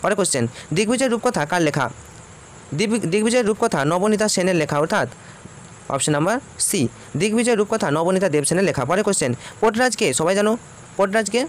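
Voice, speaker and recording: A man's voice: high voice, expressive, fast, a little hiss or hum. A man, teaching by reading out exam questions and repeating each answer.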